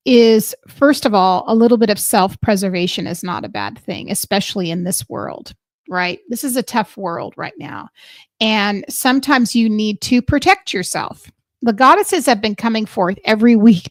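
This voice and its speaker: A woman's voice: medium pitch, no room sound, studio quality. A woman hosting an informal spiritual reading, moving between reading aloud and chatty, reflective asides, putting questions straight to her listeners. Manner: reflective, speaks to listeners directly with rhetorical questions. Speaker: spiritual reader and host of a weekly channeling show.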